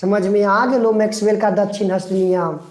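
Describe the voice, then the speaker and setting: A man's voice: sits high, steady tone, moderate pace, a little mellow. A male teacher gives a live online class, drilling a rule by repeating it and coaxing students by name to recite along. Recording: echoey room.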